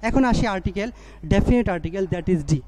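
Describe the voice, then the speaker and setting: A man's voice: sits high, moderate pace, background noise. A man teaching an English grammar lesson, explaining step by step, asking questions and answering them himself, and mixing English terms into his speech. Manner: explains step by step, repeats key phrases.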